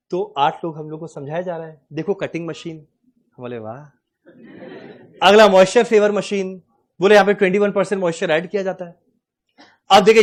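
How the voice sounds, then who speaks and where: A man in his forties teaching a class, explaining with animated anecdotes and acting out dialogue. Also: high voice. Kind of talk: classroom lecture with storytelling.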